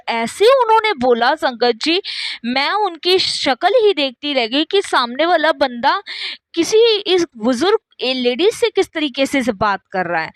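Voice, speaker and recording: A woman's voice: sits high, fairly bright tone, no room sound, clean studio sound. A middle-aged woman telling her own devotional testimony, repeatedly addressing listeners and acting out the dialogue of people in her story. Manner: acts out quoted dialogue in story. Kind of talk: first-person spoken testimony.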